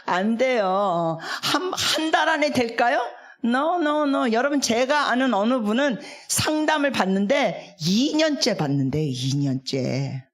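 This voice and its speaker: A woman preaching a revival sermon as a guest missionary, her voice pitched high and swinging widely up and down. She tells stories with animation and acts out the voices of the people in them. She keeps coaxing the congregation to respond. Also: slow pace, hardly any pauses. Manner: animated, acts out quoted speech; coaxes audience responses.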